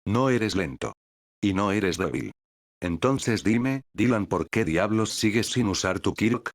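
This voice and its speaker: A man doing a gruff old hero mentor. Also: on the low side, animated, measured pace, no room sound, studio quality. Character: stern old male hero mentor, impatient.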